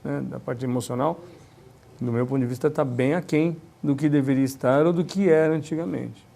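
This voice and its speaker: Animated man, mellow voice. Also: medium pitch, a little fast, vocal fry. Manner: animated, acts out dialogue, many tag questions. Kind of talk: casual conversation.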